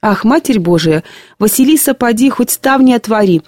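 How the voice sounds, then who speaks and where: Woman doing a shrill, gushing plump matron. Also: expressive, normal speed, a little mellow, no room sound, clean studio sound. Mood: tearful gushing. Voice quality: shrill thin voice. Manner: exclamatory, gushing, tearful. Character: plump emotional woman, tearful and fussing.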